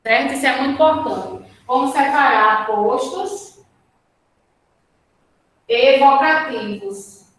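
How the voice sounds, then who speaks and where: A woman's voice: high-pitched, slow, pauses often, a bit bright. A woman with a Brazilian accent teaching a remote grammar lesson at a whiteboard, patiently checking in with her students after each point. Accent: Brazilian Portuguese. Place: classroom or studio with a whiteboard. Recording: very echoey room, mic at a distance.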